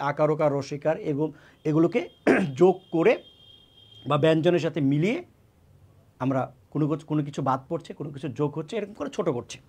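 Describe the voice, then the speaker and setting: A man's voice: sits high, a little mellow. A man giving an exam-prep grammar lesson, often repeating key words and asking and answering his own questions. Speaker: teacher.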